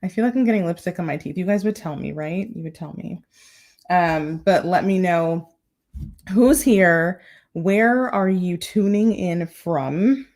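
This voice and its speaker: A woman's voice: fairly low pitch, measured pace, darkish tone. A woman hosting a casual live stream from her home, chatty and playful, a little out of breath and calling her viewers y'all. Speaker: style vlogger hosting a live Q&A.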